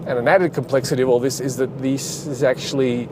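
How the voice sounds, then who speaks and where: A game developer who hosts a channel rambles casually while driving, full of fillers and restarts, with road noise from the moving car around him. His voice is medium-pitched, steady and brisk.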